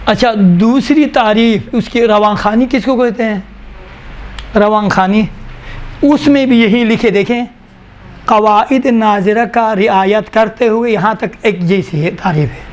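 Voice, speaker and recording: A male teacher dictating definitions to a class, slowly repeating each phrase so students can write it down. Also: sits high, slight background noise. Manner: slow, repeats each phrase for note-taking. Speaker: Quran recitation teacher.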